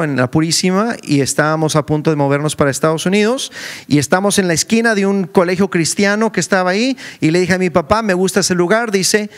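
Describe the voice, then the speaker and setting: Preacher guy, middle-aged, kinda high voice, tells his sermon like a story and acts out every voice. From Mexico. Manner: animated storytelling, acting out dialogue with sudden pitch jumps. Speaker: preacher and school director.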